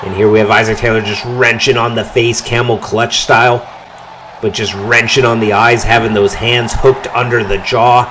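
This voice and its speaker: A man calling a wrestling match play-by-play, his voice jumping up in pitch and volume on big moves and near-falls. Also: moderate pace, slight background noise. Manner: excited calls that rise on big moves and pin counts. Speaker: wrestling commentator. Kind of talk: play-by-play commentary.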